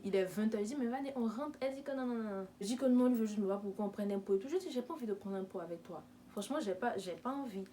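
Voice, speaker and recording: A young woman in her twenties telling a personal story in a chatty, animated way, acting out the lines of the people in it. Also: mid-range voice, slight background noise. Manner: chatty, animated retelling with quoted dialogue. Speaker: vlogger. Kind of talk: casual storytime.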